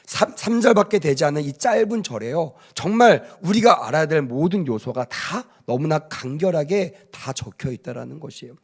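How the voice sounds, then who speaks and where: A man's voice: a little high, animated, normal speed, hardly any pauses, slightly rough. A male pastor preaching a Good Friday sermon, emphatic, with rhetorical questions and call-and-response with the congregation.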